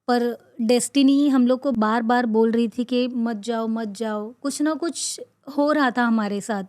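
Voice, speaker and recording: Woman podcaster, personal story, halting, pauses and fillers, repeats words for emphasis, fairly high voice, dry close sound. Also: a little mellow, no echo. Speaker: podcast host recounting her own trip.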